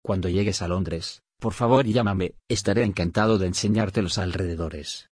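Very low husky guy reading phrases for a language lesson, dry close sound. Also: no echo. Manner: slow, even phrase-by-phrase reading. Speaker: phrase reader.

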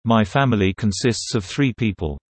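A man reading short translated phrases for a language lesson in a measured, clear way. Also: on the low side, expressive, no echo. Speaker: phrase reader.

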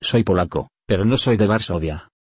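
A man reading short phrases one by one for a language lesson, slow and even. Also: low-pitched, breathy edge, no echo, clean studio sound. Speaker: phrase reader.

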